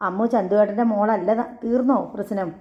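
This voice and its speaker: A woman's voice: medium pitch, fairly even intonation, brisk, lightly acted. A woman voicing a young wife and mother who pleads in a whiny, tearful way. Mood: hurt. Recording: echoey, slightly dull recording.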